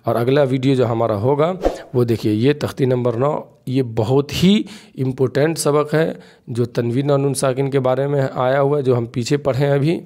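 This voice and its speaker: Male teacher, middle pitch, drawls each syllable aloud, then hurries through the rules. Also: steady tone, warm tone. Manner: slow drawn-out spelling, then quick explanations. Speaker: Quran reading teacher. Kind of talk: spelling-out recitation lesson.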